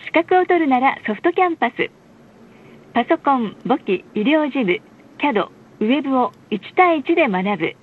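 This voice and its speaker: A high-pitched, animated woman voices recorded bus stop announcements and ad reads, scripted and delivered with polite, formal, measured enunciation. Played inside the bus, the recording sounds muffled and lo-fi.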